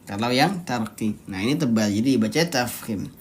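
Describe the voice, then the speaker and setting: A teacher leading a live online Quran recitation lesson, explaining each rule step by step, quizzing the students and stretching out the recited words slowly to demonstrate them. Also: mid-range voice, animated. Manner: occasional throat clearing with apologies.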